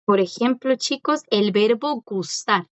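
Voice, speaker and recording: A woman's voice: a little high, expressive, a little slow, no echo. A woman teaching a class, patiently explaining and repeating, often checking that the students follow along. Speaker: language teacher. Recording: dry, dull lo-fi sound.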